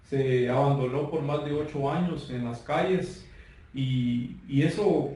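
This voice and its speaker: A man turning forty with a Guatemalan Spanish accent, telling his life testimony in an earnest, measured way. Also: mid-range voice, steady tone, dark tone. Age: 30s. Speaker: guest giving testimony. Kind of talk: personal testimony. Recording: roomy far-off mic with faint noise.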